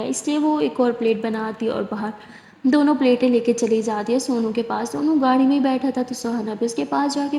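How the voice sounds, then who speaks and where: A woman storyteller chatting her way through a romance episode, filling gaps with casual asides. Her voice sits a little high for a woman. The room is echoey, with a long reverb trailing each sentence. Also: mellow. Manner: conversational and chatty, with fillers. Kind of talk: casual retelling of a serial love story.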